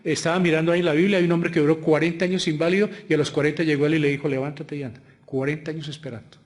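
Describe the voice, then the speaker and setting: Emphatic Colombian pastor preaching. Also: male voice, fairly high pitch, level tone, racing. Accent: Colombian Spanish. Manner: emphatic, rhetorical questions, voice swings from loud to quiet. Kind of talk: sermon.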